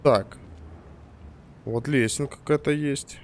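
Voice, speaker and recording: A man's voice: mid-range voice, fairly even intonation, slow pace, a little mellow, a little hiss or hum. A man casually commenting on his game playthrough, muttering to himself and swearing as he plays. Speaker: let's play commentator. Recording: game music over the voice.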